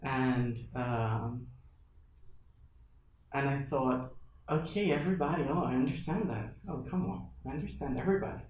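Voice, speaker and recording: A lively male guest, Portuguese by first language, talks at a moderate pace in a mid-range voice, performing his earlier thoughts as he tells stories. The casual interview takes place in an echoey room with soft music in the background.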